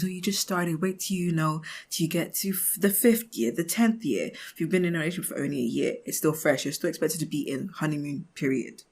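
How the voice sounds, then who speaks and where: A woman in her twenties with a deep, darkish, slightly rough voice hosts a casual podcast monologue. She chats expressively and acts out imagined remarks in a giggly, conversational way, often laughing mid-thought.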